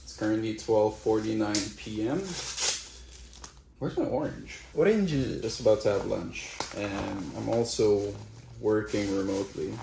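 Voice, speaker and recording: Low, gravelly-voiced man vlogging. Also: flat delivery, normal speed. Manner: offhand and frank, swears casually. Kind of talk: casual vlog monologue. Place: room in a quarantine center. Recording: echoey room, faint background noise.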